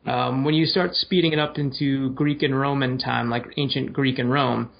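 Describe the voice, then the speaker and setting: Gravelly lo-fi podcast man. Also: medium pitch, steady tone, moderate pace. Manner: mock-earnest, rambling, acts out quoted voices. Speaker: podcast co-host. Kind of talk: comedic podcast banter. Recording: lo-fi podcast recording.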